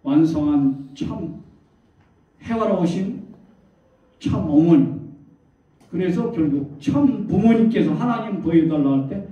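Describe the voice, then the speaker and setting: A man preaching a sermon as a church elder, throwing rhetorical questions to the congregation and acting out quoted voices. His voice is high and carries through a strongly echoing church hall. The recording is dull and distant, with faint noise behind. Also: expressive, unhurried, long pauses. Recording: echoey hall from far off, dull.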